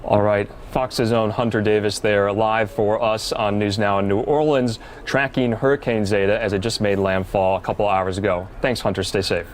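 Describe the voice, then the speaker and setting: Low-voiced male news anchor, halting delivery. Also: steady tone, a little hiss or hum. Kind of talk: live ad-libbed news anchoring.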